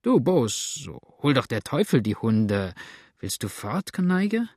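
A man voicing a gruff, irritable frontier settler who curses and shouts in an audiobook. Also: medium pitch, big pitch swings, measured pace, no room sound, studio quality. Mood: angry. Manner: cursing, shouting at dogs. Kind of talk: audiobook character voice.

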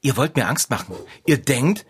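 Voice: mid-range voice, expressive, moderate pace, breathy edge. An actor voicing a nervous, stammering, doubting boy in a children's radio play. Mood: doubtful.

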